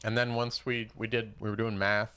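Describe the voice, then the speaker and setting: A man in his twenties co-hosts a casual podcast. His voice is bright and forceful, and he joins in eagerly and laughs along easily. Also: fairly low pitch, little pitch movement, normal speed, clear, resonant tone. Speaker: podcast co-host. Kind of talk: casual chat.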